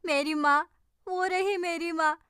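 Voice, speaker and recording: A woman's voice: very high voice, fairly even intonation, measured pace, pushed and bright, no echo, clean studio sound, exaggerated voice. A woman doing a muddled middle-aged father. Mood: dreamy.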